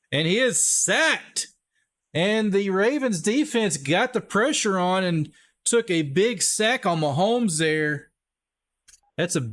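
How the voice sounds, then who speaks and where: This livestream host has a high, fairly bright voice and a Texas accent. He keeps things chatty and cheerful, calling the action live, talking right to his audience, and shouting out people in chat.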